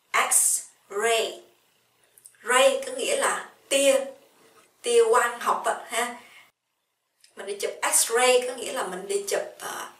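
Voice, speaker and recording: A woman with a Vietnamese accent teaching English letters, repeating each word slowly and drawing it out. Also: medium pitch, a bit bright, reverberant, distant mic. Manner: slow, drawn-out repetition of each letter and word. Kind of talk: slow spoken English lesson.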